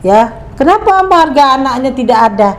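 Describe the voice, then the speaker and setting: A woman's voice: sits high, sing-song, normal speed. A middle-aged woman from Indonesia, speaking as an interview guest and making her points emphatically with rhetorical questions. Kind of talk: conversational interview.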